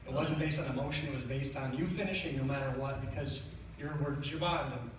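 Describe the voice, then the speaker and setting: A middle-aged man giving a personal funeral speech as a son, speaking in a tender, faltering way with halting phrases and repeats. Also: mid-range voice. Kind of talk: personal funeral speech, partly read from notes. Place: large reverberant indoor room. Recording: echoey room, distant mic, faint noise.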